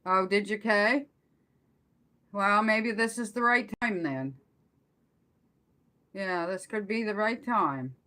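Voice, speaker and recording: On a live stream, a woman of middle age or older chats in a loose, meandering way, stopping and starting and drifting off mid-thought. Her pitch is medium, and her delivery sounds pushed and bright.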